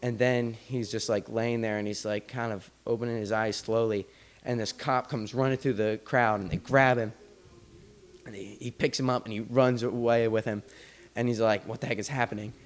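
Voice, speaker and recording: A man's voice: medium pitch, fairly even intonation, moderate pace. A man hosting a podcast, telling a story in a loose, casual way full of "like" and restarts. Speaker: podcast host.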